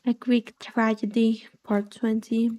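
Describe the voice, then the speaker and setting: A soft-spoken young woman streaming a game, chatting casually and reading the story aloud. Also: fairly high pitch, level tone, slow.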